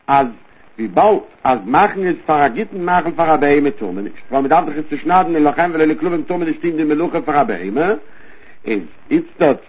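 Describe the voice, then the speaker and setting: A man gives a Talmud study lesson at a quick clip, his voice husky and a little breathy. His phrasing rises and falls in a steady study cadence. The sound is thin and narrow, as if it came over a phone line. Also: fairly high pitch. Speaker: Talmud teacher. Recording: tinny phone-line recording.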